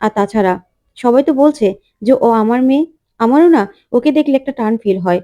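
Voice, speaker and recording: A woman's voice: on the high side, expressive, fairly quick, warm tone, dull audio, lightly acted. A woman voicing a determined, caring mother who has lost her memory, speaking earnestly and pleadingly. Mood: reassuring.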